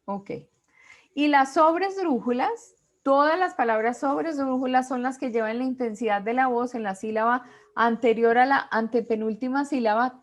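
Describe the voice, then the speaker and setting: A woman teacher giving an online class over a video call, explaining rules step by step and reading out lists of words one by one. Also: on the high side. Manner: slow, deliberate, reads out word lists.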